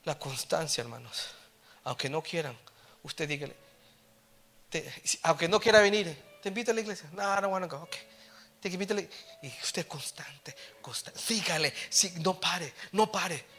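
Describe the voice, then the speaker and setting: Male preacher, middle-aged; sharp bright tone, sits high; code-switching sermon, playful asides, emphatic build-ups. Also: expressive, moderate pace. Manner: switches between Spanish and English, joking asides; swells to loud, emphatic exhortation.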